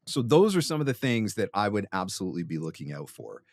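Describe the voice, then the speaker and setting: Very animated and quick, a voice-over coach hosting a podcast delivers emphatic, conversational advice full of rhetorical questions and frequent check-ins. His low-ish voice has a darkish tone, captured in a dry, clean studio recording.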